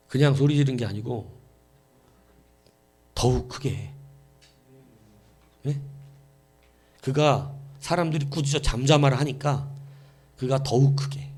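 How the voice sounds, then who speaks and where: A man's voice: medium pitch, darkish tone, slightly rough. A male pastor preaching a late-night vigil sermon in a church, emphatic and full of rhetorical questions put to his listeners.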